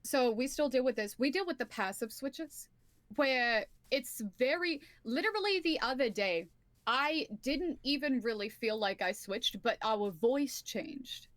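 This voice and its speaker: A woman's voice: high voice, animated, unhurried, fairly bright tone, dry recording. A woman chatting casually as a guest, explaining at length and swearing now and then. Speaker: guest on a stream. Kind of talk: casual chat.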